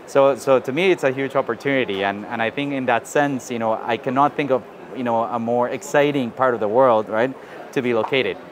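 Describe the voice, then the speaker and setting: A South American man who advises on financial inclusion answers interview questions in a measured way with a mid-range voice, often tacking on "you know" and "right?". The interview is recorded outdoors, with street noise audible.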